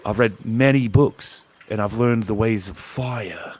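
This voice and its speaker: A man's voice: fairly low pitch, measured pace, darkish tone. Man playing a pompous know-it-all librarian. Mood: boastful. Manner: pompous, boastful. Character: pompous male librarian boasting of superior knowledge.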